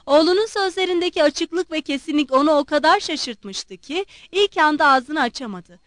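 A woman narrating a novel as an audiobook in an expressive, scripted reading. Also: high-pitched, normal speed, no room sound, studio quality.

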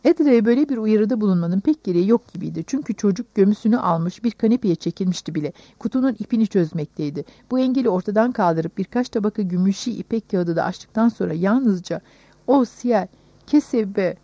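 A woman narrating a novel in the first person with calm, measured storytelling, on a dull recording. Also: medium pitch, dry recording. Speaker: audiobook narrator.

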